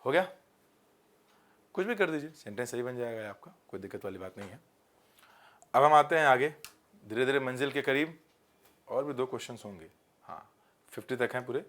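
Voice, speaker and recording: The speaker is a male grammar teacher, Hindi-speaking, with an animated, fairly bright, mid-range voice. Teaching an exam-prep lesson, he explains in Hindi laced with English and reads out examples slowly.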